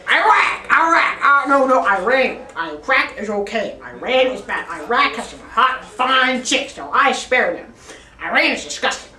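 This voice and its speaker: A teenage girl with a slightly high, bright, forceful voice and big pitch swings tells a rambling, absurd made-up story at an unhurried pace, giggling often. She's a student in a classroom, and a camera across the echoey room records her from a distance.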